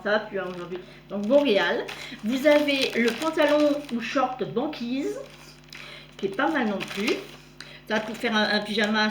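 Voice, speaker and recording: Middle-aged woman, casual crafting vlogger, higher pitch, halting delivery, echoey room with a faint hum behind. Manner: chatty, halting, many fillers and self-corrections. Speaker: crafting vlogger showing her gifts. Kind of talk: casual show-and-tell.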